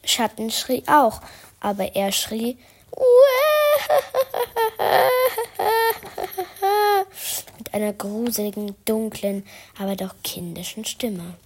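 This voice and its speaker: A woman narrating a children's story for her podcast in a soft, half-whispered way. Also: mid-range voice, steady tone, measured pace, slightly rough.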